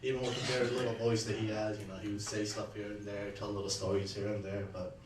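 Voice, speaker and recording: A man speaking at a memorial in earnest, halting sentences with many restarts, remembering his late father-in-law. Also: fairly low pitch, little pitch movement. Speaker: eulogy speaker, son-in-law. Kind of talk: personal remembrance speech. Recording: echoey room, distant mic, faint background hum.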